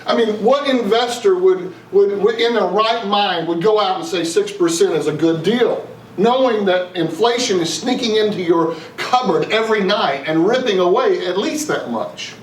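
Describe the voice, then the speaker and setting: At a live seminar, a middle-aged investment speaker from East Texas talks in a folksy drawl, peppering the audience with one question after another at a moderate pace. His voice is a bit high. He's recorded from a distance in a large, echoing room, with a faint hiss underneath.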